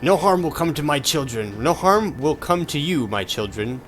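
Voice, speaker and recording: A man's voice: a little high, animated, normal speed, voice pushed up, close to an everyday voice. A man voicing a haughty, wrathful goddess villain from a video game, reading the lines in a grandiose, menacing way. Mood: protective. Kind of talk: reading game dialogue aloud dramatically. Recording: game music behind.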